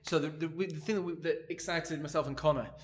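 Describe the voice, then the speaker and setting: A man hosts a casual podcast chat in a fairly high voice. He talks very fast, rambling along and doubling back on his phrases. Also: fairly even intonation. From Britain. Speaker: podcast host. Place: big open lounge, indoors.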